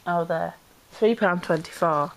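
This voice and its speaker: Indoors at home with the camera pointed down into a box, a low-voiced woman who vlogs about pets chats her way through an unboxing. A mild cold leaves her slightly stuffy and congested, and she speaks a little slowly, rambling with ums in a chatty, self-deprecating manner. The recording is rough.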